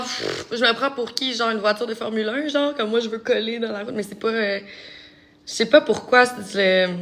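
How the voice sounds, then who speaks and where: Young woman, Québécois accent, casual vlog chat, self-mocking, slightly high voice. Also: sharp tone. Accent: Québécois French. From Montreal, Quebec. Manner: chatty, self-mocking, frequent laughs and slang. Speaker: vlogger, real estate broker.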